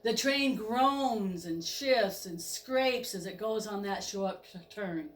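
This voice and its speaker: Slow, dramatic woman storyteller. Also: medium pitch, echoey room. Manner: dramatic, with spoken train sound effects. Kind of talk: dramatic first-person story narration.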